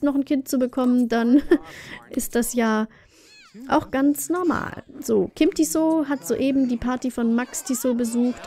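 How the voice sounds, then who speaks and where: A woman's voice: a little high, dark tone. A woman hosting a let's play, chatting casually through her gameplay and talking directly to the game characters.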